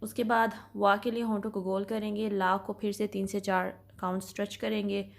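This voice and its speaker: Patient woman teaching Quran recitation, flat. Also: mid-range voice, gravelly. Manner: patient, methodical explaining with slow drawn-out demonstrations; frequent reassuring check-ins. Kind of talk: tajweed lesson.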